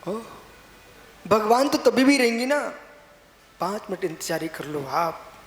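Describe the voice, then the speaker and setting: A middle-aged man, a Jain monk, preaching a sermon in an exhorting, repetitive way and often pushing up to emphatic high stress. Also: very animated, unhurried. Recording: echoey hall with faint hiss.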